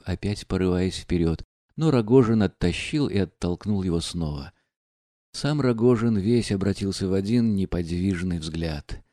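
A man narrates a classic novel in a low, dark, mellow voice, measured and dramatic. The recording is dry and close, with no room sound. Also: no room sound. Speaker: audiobook narrator.

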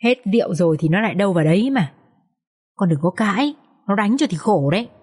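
A woman's voice: medium pitch, animated, fast talker, darkish tone, husky. Woman reading as a blunt scolding mother-in-law. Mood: soothing.

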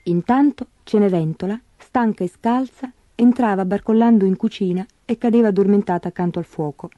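A woman narrating a fairy tale aloud in a gentle, expressive storybook manner. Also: medium pitch, a little fast, muffled recording.

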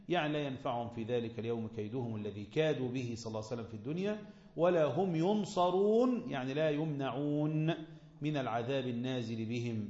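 A man with an Egyptian Arabic accent giving a Quran commentary lesson, quizzing his listeners and slowing down to recite verses. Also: medium pitch, a little mellow. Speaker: religious teacher. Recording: echoey, dull lo-fi room recording.

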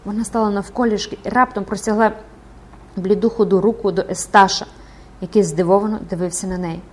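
Expressive female audiobook narrator. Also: medium pitch, fairly quick. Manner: dramatic, expressive reading.

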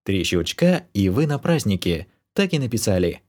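A man narrating a first-person fantasy audiobook with a wry, expressive delivery. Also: lowish voice, normal speed.

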